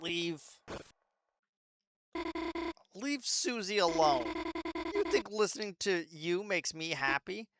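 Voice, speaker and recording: A man voicing a soft-spoken timid young woman. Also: high-pitched, big pitch swings, unhurried, a little hiss or hum, exaggerated voice. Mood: defiant. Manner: soft, hushed reading. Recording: loud game music behind. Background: game music.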